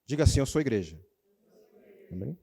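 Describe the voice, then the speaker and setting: A male pastor preaching a sermon in church, calling out questions to the congregation and moving between loud exclamations and quiet, low passages. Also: fairly quick, creaky, slightly rough. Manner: animated preaching, calls out to the congregation, shifts between shouting and quiet.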